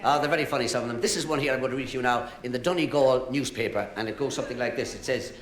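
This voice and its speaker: A man's voice: medium pitch, rapid-fire. An Irish man doing stand-up, telling jokes to a live audience and chuckling at his own punchlines. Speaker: comedian. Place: live show before an audience. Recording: roomy live-room echo.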